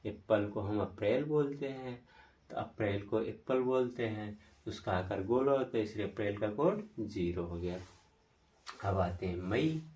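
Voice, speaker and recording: A man's voice: fairly low pitch, lively intonation, darkish tone, recorded from a distance. A man teaching an exam-prep lesson, repeating memory tricks over and over. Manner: slow, repetitive, drilling memory tricks.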